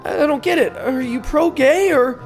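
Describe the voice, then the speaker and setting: A woman's voice: high-pitched, normal speed, faint music behind. A woman playing a stammering new staffer. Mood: nervous. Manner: stammering, confused.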